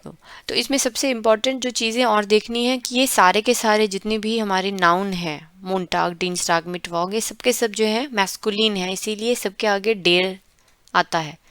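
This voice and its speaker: A woman from India teaches German in an online lesson, sounding out each word slowly, syllable by syllable, and repeating it. Her voice is smooth and clear, sitting in the middle of the range. It is recorded close and dry, with no room sound. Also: mid-range voice, fairly even intonation, fairly bright tone, dry recording. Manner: slow, syllable-by-syllable pronunciation drills.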